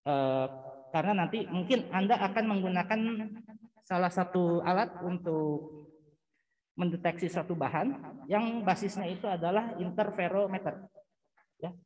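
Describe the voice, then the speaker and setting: A man giving a university physics lecture, explaining patiently, often pausing with fillers and searching for words. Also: high voice, a little mellow, rough recording. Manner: patient explaining, checking in with frequent "ya".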